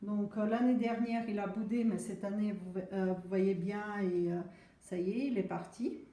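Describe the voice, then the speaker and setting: A woman who is not a native French speaker gives a casual tour of her houseplants on her home veranda, pausing often with fillers. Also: medium pitch, steady tone, mellow. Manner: hesitant, many filler pauses. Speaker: plant vlogger. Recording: roomy echo.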